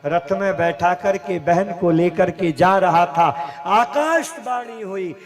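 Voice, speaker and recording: A man telling a devotional story as a sermon, slowly and dramatically, acting out the dialogue. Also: sits high, flat delivery. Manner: slow, dramatic retelling with acted dialogue. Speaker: kathavachak, religious storyteller. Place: religious gathering, live event.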